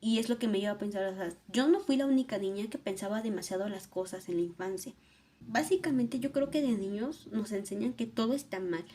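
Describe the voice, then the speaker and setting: Young woman vlogging, mellow warm voice, earnest and thoughtful, musing out loud. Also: medium pitch, a little fast. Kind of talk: reflective personal vlog talk.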